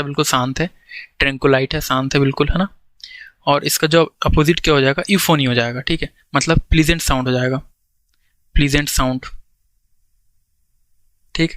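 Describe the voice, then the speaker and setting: A man teaching English vocabulary for exams in Hindi, checking in with the listener constantly and reading English definitions slowly. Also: a little high, a bit bright, dry recording. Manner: explains in Hindi with English words, frequent "ठीक है?" check-ins. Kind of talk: exam-prep vocabulary lesson.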